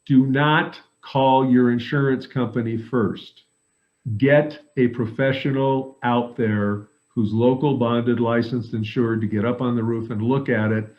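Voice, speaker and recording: A man's voice: mid-range voice, steady tone, unhurried, lo-fi sound. A middle-aged man, a real estate agent, giving earnest advice in a casual discussion, with frequent filler words. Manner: earnest and advising, many "uh" and "um" fillers.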